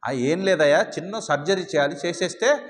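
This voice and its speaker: A calm male doctor in a spoken parable, as a man acts him out, quieter and lower than his storyteller's own voice. He reassures and waves off fears. The sound carries a long reverb from a hall. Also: normal speed, a little hiss or hum, natural voice. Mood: soothing.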